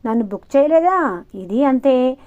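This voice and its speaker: A woman's voice: high voice, animated, measured pace. A woman voicing a bossy, defiant young female student who talks sharply, in audiobook dialogue. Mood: demanding. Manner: sharp, demanding. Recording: muffled lo-fi recording.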